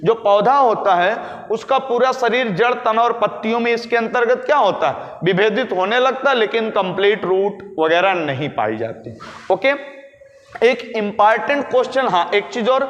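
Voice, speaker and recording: A man's voice: high-pitched, animated, fairly bright tone, lo-fi sound. A male biology teacher giving a lecture, asking questions and then answering them himself. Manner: explains slowly, asks and answers his own questions. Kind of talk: classroom-style lecture. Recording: echoey room with long reverb.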